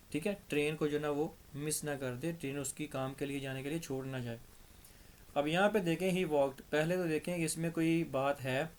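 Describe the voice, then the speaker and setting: Pakistani male tutor, slightly raised pitch, slow patient explaining, dryish throat. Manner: patient, step-by-step explaining, repeats examples. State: dry throat. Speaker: English teacher. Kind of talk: grammar lesson.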